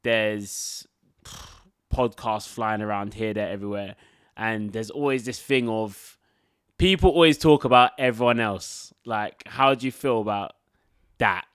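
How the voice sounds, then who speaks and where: A woman's voice: a bass voice, measured pace, smooth, no room sound, clean studio sound. A young woman hosting a podcast, chatting informally and agreeably with frequent tag questions. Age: young adult. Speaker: podcast host. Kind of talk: casual chat interview.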